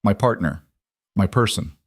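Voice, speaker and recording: A man voicing an earnest, devoted single father who speaks gently. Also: on the low side, lively intonation, measured pace, slightly rough, no room sound, clean studio sound.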